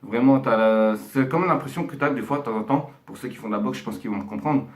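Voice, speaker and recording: A man giving his casual, rambling take on a boxing match, full of slang and fillers, getting animated as he describes the action. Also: mid-range voice, fast. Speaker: boxing commentator reacting to a fight. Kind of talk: casual talk to camera.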